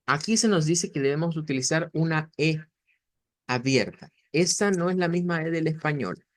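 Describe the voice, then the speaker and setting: A man's voice: on the high side, expressive, normal speed, dry recording. Dry-sounding patient male teacher. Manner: patient, explains step by step with many fillers and restarts. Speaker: language teacher. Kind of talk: online language lesson.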